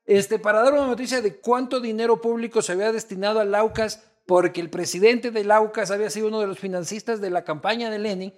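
Host, very high voice, salty slangy banter. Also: male voice, steady tone, fast talker, few pauses. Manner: blunt, profane, slangy banter. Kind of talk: casual chat.

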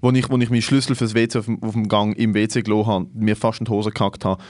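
A man's voice: on the low side, very fast, no echo, studio quality. A young Swiss man with a Swiss German accent, a comedian co-hosting a podcast, who tells stories animatedly and acts out the quotes in casual chat. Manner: animated storyteller, acts out quotes, laughs often.

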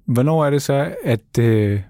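Man podcast co-host, warm mid voice, thoughtful questions, dry recording. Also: mid-range voice, no room sound. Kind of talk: podcast interview.

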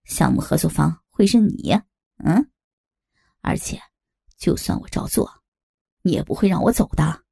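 A woman's voice: deep voice, lively intonation, a little slow, vocal fry, long pauses, warm tone, slightly rough, voice pushed down, heavily acted. A woman voicing a captured male businessman in an audiobook, skeptical and challenging. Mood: defiant.

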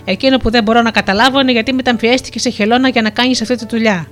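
A shy, well-mannered young fisherman in a storybook, as a woman narrator reads him. He speaks softly and politely. Quiet music sits faintly behind. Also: a little high, fairly even intonation, close to an everyday voice. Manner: soft-spoken and courteous.

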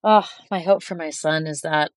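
A woman's voice: deep voice, moderate pace, no echo. A woman in her forties, a chef, speaking as a guest in a podcast interview, earnest and reflective and often restarting a phrase. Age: 40s.

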